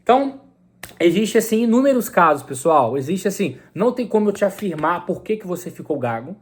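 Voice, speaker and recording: A man's voice: high voice, big pitch swings, brisk, husky. A young man with a Brazilian accent, a speech coach talking earnestly to his viewers in a casual, repetitive way. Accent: Brazilian Portuguese. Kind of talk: casual to-camera talk.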